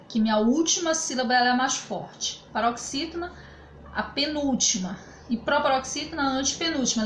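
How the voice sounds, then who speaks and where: A Brazilian woman with a fairly high voice teaches grammar from home, patient and explanatory, often pausing to check that her students follow. Her voice bounces around a roomy space, with a faint hum of ambient noise behind her. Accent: Brazilian Portuguese. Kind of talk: remote grammar lesson. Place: home room during quarantine.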